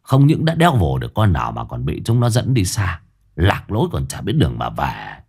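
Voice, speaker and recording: Here is a deep-voiced old village husband, as a male storyteller puts him on. He speaks with a slow, moralizing manner. His lecturing voice swings widely in pitch. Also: huge pitch swings, darkish tone, husky, full character voice.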